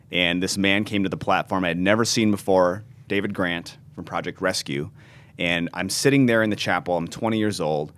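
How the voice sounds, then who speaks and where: A pastor and ministry founder in his thirties earnestly tells his story in an interview, often restarting his words. His voice is deep and a bit bright.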